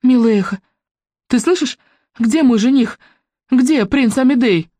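Young fairy-tale princess, gentle, high and earnest, voiced by the narrator. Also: measured pace, dry recording, clean studio sound. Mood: anxious.

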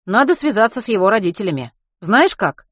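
A woman voicing a brusque, greying middle-aged male doctor who talks in a brisk, offhand way, reading an audiobook. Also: medium pitch, big pitch swings, a bit bright, no room sound, clean studio sound, pitched above the performer's own voice.

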